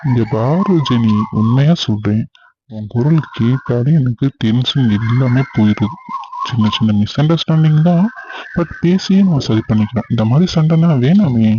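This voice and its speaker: A man's voice: on the high side, lively intonation, brisk, mellow, a little hiss or hum, lightly acted. A young man acting a husband who argues, then coaxes his wife on a phone call. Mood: coaxing. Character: defensive young husband, later apologetic. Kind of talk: acted phone-call drama. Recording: slightly dull lo-fi sound.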